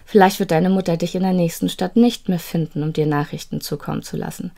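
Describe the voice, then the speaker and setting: Woman reading a friendly wise storyteller guy from an audio storybook, low gravelly voice, calm and gentle. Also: fairly quick. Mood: kindly. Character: cheerful male storyteller, kindly and wise.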